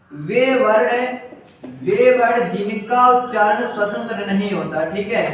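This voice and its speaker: High-voiced male teacher in echoey room. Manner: repetitive, asks and answers own questions, drawn-out words. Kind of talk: Hindi grammar lesson for exam prep. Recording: very echoey room, distant mic, faint noise.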